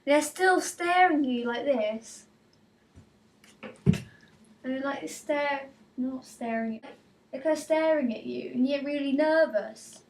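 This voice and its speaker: A woman's voice: high-pitched, unhurried, long pauses, recorded from a distance. A teenage girl doing a casual comic rant, acting out little scenes with quoted lines and giggles. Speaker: vlogger.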